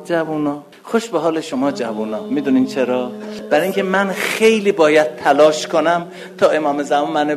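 A middle-aged preacher with an Azerbaijani Turkish accent, speaking in a slightly high voice. He delivers his sermon dramatically and with strong emotion, like a storyteller. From Iranian Azerbaijan. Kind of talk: religious sermon.

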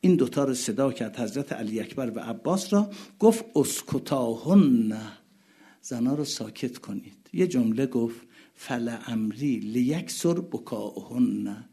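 Husky male preacher reciting and explaining. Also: medium pitch, animated, dark tone. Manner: alternates chanted Arabic recitation with Persian explanation. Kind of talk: sermon recounting a religious narrative.

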